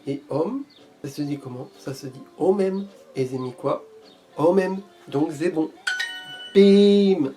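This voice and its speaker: Guy vlogging slow and a bit high, teasing himself, sounding out foreign words, some music under it. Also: dark tone. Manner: playful, self-mocking, jokingly boastful; repeats foreign phrases slowly, trying them out. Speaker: vlogger learning Portuguese. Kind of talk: casual vlog talk.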